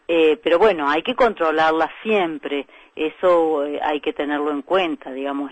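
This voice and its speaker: Calm Argentine woman doctor, dry sound. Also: deep voice, no echo, low-quality recording. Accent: Argentine Spanish. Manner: calm explanatory, with frequent "eh" fillers. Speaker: breast specialist doctor, guest. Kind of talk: radio interview.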